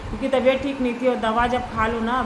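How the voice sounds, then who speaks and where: A woman's voice: a little high, level tone, fairly quick, noisy background. A woman talking casually in a home vlog, chatty and down-to-earth, saying she feels unwell and dizzy. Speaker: vlogger. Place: indoor room at home.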